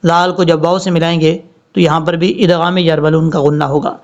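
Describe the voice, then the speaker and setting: A man teaching Quran recitation word by word, drawing out each word slowly and then explaining the rules in plain speech. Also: on the high side, little pitch movement, a little mellow. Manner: slow drawn-out recitation between plain explanations. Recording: dull lo-fi recording.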